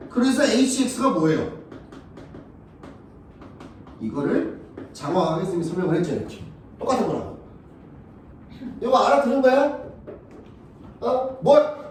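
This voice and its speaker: A male math teacher lectures with a lively, swooping voice, rough and full of crude words, always asking whether the students are following. He is recorded from far off in a very echoey classroom. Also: very high-pitched, slight background noise. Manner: blunt, crude and profane, keeps checking if students follow.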